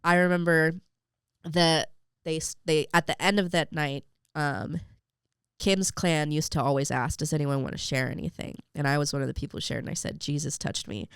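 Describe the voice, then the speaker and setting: A young woman with a low-pitched, steady, clean voice speaks at a moderate pace in a dry, studio-quality recording. As a podcast guest in an interview, she tells an emotional personal faith story, full of "like" and other fillers.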